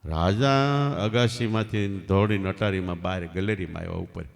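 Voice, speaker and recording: A man giving a devotional storytelling sermon as a spiritual teacher, swinging sharply between loud and soft. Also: low voice, normal speed, creaky. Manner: emphatic, rising and falling sharply in loudness. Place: large hall at night satsang. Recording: long hall reverb.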